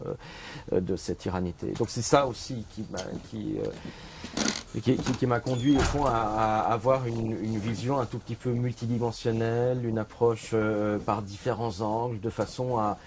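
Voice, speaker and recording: A man's voice: lowish voice, fairly even intonation, normal speed, noisy background. A middle-aged man from Switzerland, an author presenting his book in a bookshop, talking with many fillers and restarts. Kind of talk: bookshop talk.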